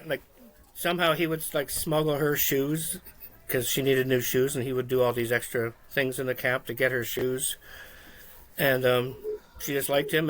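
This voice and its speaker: A man co-hosting a casual trivia chat, telling stories in a rambling, relaxed way with lots of fillers. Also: mid-range voice. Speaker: podcast co-host.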